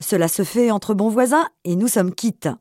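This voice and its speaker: A woman's voice: mid-range voice, moderate pace, darkish tone, no room sound, studio quality, natural voice. A woman voicing a sly, envious male neighbor in his twenties who talks in a prying, overfamiliar way.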